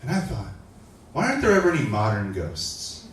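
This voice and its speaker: A man in his forties performing a stand-up set, deadpan stories broken by shouted bits. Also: medium pitch, a little fast. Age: 40s. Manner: deadpan storytelling with shouted bursts for voices. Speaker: stand-up comedian. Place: comedy club stage. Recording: echoey club from far off, noisy. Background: audience laughter.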